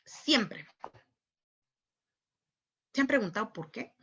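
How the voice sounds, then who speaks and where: A woman's voice: a little high, lively intonation, slow, a bit bright, husky. A woman with a Mexican accent giving a conference talk in a conversational way. She often ends remarks with rhetorical questions and acts out other people's voices. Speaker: conference speaker on human rights. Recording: muffled lo-fi recording.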